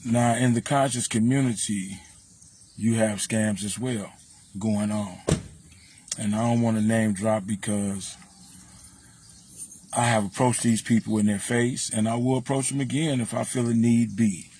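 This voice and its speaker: A man's voice: fairly low pitch, steady tone, measured pace, pauses often, a little mellow. Man, chicago accent, live stream host, blunt, preachy, faint traffic noise behind. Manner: blunt, preachy, talks straight to viewers. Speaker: livestream host. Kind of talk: casual livestream talk.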